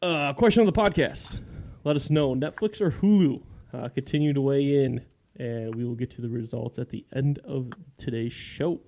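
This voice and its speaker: A man hosts a relaxed podcast from his home basement, talking into a good microphone. He keeps the banter light and laughs often, with an ordinary mid-range voice. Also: medium pitch, normal speed. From Michigan. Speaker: podcast host. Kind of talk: casual chat. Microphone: studio microphone.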